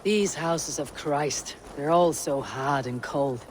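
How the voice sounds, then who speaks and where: A man voicing a steady Viking clan leader in video game dialogue, speaking in a grave, measured way. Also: fairly high pitch, in a large hall, a little hiss or hum.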